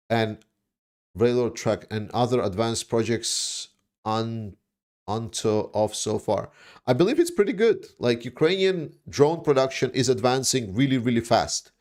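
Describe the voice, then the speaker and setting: A Danish man hosting a livestream answers viewer questions with blunt, casual commentary, speaking haltingly and repeating words for emphasis. His voice is mid-range with a darkish tone.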